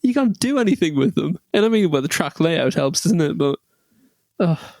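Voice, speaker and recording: Male podcast co-host, high voice, loose jokey rambler, dry sound. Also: expressive, moderate pace, darkish tone, no room sound. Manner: rambling, jokey, full of tangents and restarts. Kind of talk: casual chat.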